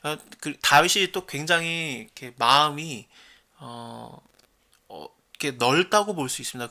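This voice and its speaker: A man with a bright, clear-edged voice gives a relaxed Bible study lesson. He retells the story in an easy, chatty way and slips into short quoted lines for the characters. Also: mid-range voice.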